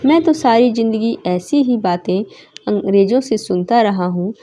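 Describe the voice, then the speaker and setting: Mellow-voiced woman teacher explaining a lesson. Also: a little high, normal speed. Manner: reads aloud and explains, with "देखिए" asides. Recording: slightly dull lo-fi recording.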